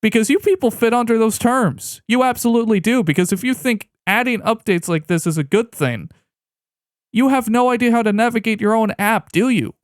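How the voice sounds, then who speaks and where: A man's voice: extremely high pitch, fairly quick, no echo, clean studio sound. A man ranting off the cuff in an improvised podcast, sarcastic and exasperated. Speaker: podcast host. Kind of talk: improvised rant.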